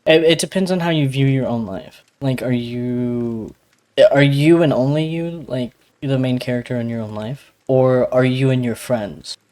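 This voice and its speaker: Guy w a slight lisp rambling on a podcast, lots of um and like, middle pitch. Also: normal speed, warm tone. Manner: rambling, hedging explanations with many fillers. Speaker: podcast co-host. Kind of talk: casual podcast chat.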